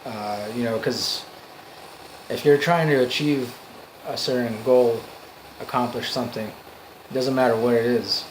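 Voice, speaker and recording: A man giving an off-the-cuff motivational monologue, earnest and emphatic, in halting phrases that repeat for emphasis. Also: medium pitch, fairly even intonation, a little hiss or hum, rough recording. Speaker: amateur motivational speaker.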